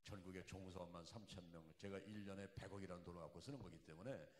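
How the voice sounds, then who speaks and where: A man preaching a testimony in a church hall, his lowish voice ringing off the walls with a long, roomy echo. He tells the story plainly and then swells into loud, emotional outbursts. A faint hum of the room sits behind him. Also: quick pace. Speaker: pastor. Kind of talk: sermon testimony. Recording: echoey hall.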